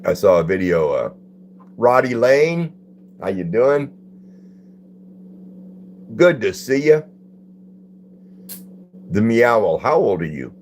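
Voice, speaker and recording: Reading comments aloud on his live stream, an older man greets viewers by name and chats in a homespun manner. His fairly low, darkish voice moves a little slowly with big swings in pitch, over a slight hiss or hum.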